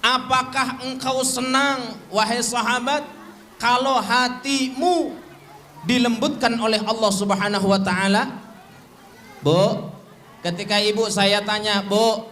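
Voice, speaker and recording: A man preaching a sermon in a playful, joking way, asking the audience questions and chanting Arabic phrases in a drawn-out, melodic way. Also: sits high, steady tone, bright, forceful tone, a little hiss or hum. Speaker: Islamic preacher.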